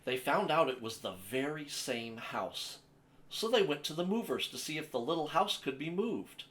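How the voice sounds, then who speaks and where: A man narrating a children's picture book as a storyteller, with an expressive, measured delivery. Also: a little high. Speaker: storyteller, host of a story time series.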